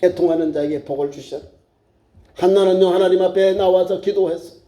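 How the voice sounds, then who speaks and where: A man's voice: sits high, steady tone, a little fast, warm tone, reverberant. A man preaching an emphatic sermon as pastor, his delivery rising and falling.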